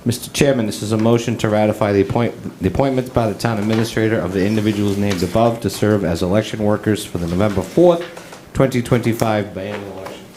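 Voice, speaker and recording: A man's voice: fairly low pitch, quick pace, darkish tone, slight background noise. Boston-accented man reading out names. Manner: plain, stumbling over names. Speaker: town councilor. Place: town council chamber.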